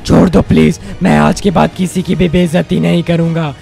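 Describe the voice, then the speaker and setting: A man's voice: fairly high pitch, steady tone, moderate pace, creaky, mellow, faint music behind. A man voicing a weakened, frightened Hulk in a game story, panicky and pleading.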